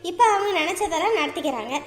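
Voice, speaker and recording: A woman's voice: extremely high pitch, lively intonation, fast talker. A woman playing a bitter, dramatic middle-aged mother who complains tearfully, in a comedy sketch recorded in an echoey room. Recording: echoey room with long reverb.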